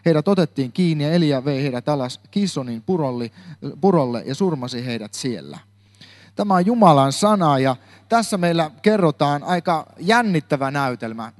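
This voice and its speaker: A man giving a Bible talk, reading a long scripture passage aloud with occasional slips and self-corrections. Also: a little high. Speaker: preacher.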